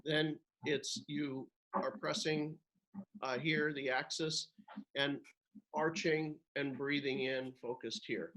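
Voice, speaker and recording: A man with a slightly high voice works as a breathing instructor. He gives short, measured directions at a very unhurried pace and leaves pauses between them. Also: fairly even intonation, a bit bright, poor audio.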